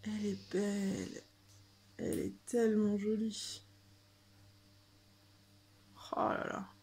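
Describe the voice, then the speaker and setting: A young woman chatting excitedly as she unboxes a craft kit at home, often stumbling and repeating words. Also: medium pitch, a little slow, vocal fry. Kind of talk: casual unboxing chat. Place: home with a washing machine running.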